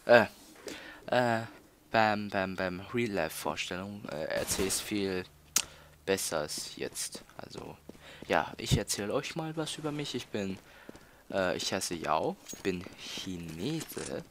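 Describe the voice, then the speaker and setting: A man's voice: low-pitched, animated, takes it slowly, fairly bright tone, slight background noise. A teenage boy from Austria, chatting while playing a game, stalling and repeating words with many fillers. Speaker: let's player. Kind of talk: casual gameplay commentary.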